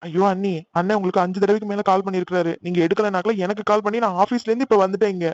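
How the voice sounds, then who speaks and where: An actor voicing a young cartoon man who talks fast and urgently, then turns bitter and resigned. The recording sounds dull and lo-fi. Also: medium pitch, fairly even intonation, a little mellow, no echo, natural voice. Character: young Tamil man Akil, office worker, hurt. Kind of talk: cartoon voice acting.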